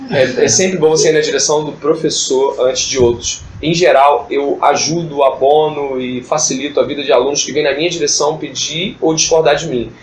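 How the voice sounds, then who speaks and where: A man leading an informal Bible study, talking in a chatty, joking way and acting out classroom exchanges. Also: mid-range voice. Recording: echoey room with background noise.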